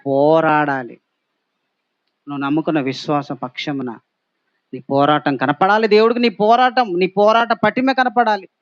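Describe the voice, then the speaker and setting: Man, pastor, fiery sermon, high-pitched voice, dry close sound, dull lo-fi recording. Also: steady tone, normal speed, no echo. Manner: emphatic, repetitive rhetorical questions to the congregation.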